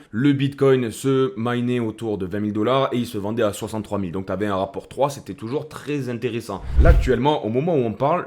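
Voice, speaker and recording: A man's voice: mid-range voice, darkish tone. A man hosting a casual crypto commentary, speaking in a chummy way that addresses the viewer as a buddy. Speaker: crypto video host.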